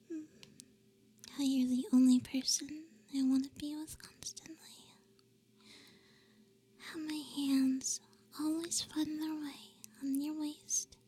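A young woman whispering a roleplay for the listener in a soft, teasing, affectionate way, with breathy little hums between phrases. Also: high-pitched. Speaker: audio roleplay performer.

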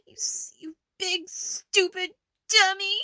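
A woman's voice: big pitch swings, a little slow, pushed and bright, dry recording, exaggerated voice. A woman voicing a small, easily riled young catgirl cheerleader, snappy and indignant, in a scripted audio role-play. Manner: indignant, high-pitched, snappy.

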